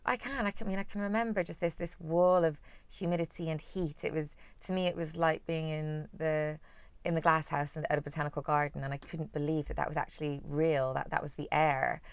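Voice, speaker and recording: Low-voiced woman, soft well-travelled Northern Irish accent. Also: steady tone, a little fast, smooth, no room sound. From Belfast, Northern Ireland, partly raised in Singapore. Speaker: travel writer being interviewed. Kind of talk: conversational interview.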